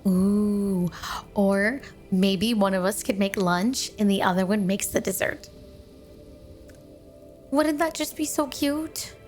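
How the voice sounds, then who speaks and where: Speaking slowly and pausing often, a woman with a mid-range, darkish, near-everyday voice portrays a sweet yandere snow woman wife obsessed with the listener. The flirty ASMR roleplay is doting and eager, sugary and clingy in manner, set over background music.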